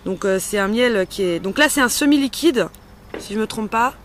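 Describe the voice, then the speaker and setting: Hosting a casual homemade beauty-care tutorial, a woman chats playfully and informally through each step at normal speed. Her slightly high voice is a bit bright with lively intonation, over slight background noise.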